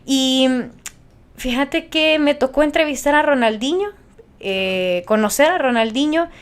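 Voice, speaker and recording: A woman's voice: high voice, measured pace. A young woman from Honduras with a Honduran Spanish accent, a radio announcer chatting passionately as a podcast guest. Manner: animated, passionate, many restarts. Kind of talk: casual interview chat.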